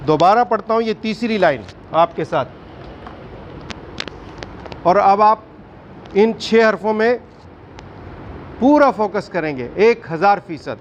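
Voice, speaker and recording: A man teaching a Quran recitation class, firm and questioning, drawing out recited words slowly. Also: high-pitched, animated, lo-fi sound, a little hiss or hum. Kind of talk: classroom tajweed lesson.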